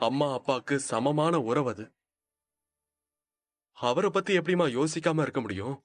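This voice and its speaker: An actor in a TV serial playing a gentle young husband who soothes his crying wife. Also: fairly high pitch, animated, moderate pace, no room sound. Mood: soothing. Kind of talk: Tamil TV serial acting.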